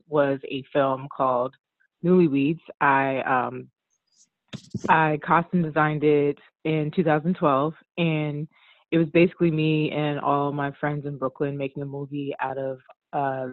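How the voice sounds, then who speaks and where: A woman's voice: sits low, no echo. Woman guest, DC-area native, casual and talkative, heard over a thin dry phone-quality line. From Washington DC area, USA. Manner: relaxed, chatty, frequent "like" and "um", laughs often. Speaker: guest, costume designer. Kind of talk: casual conversational interview.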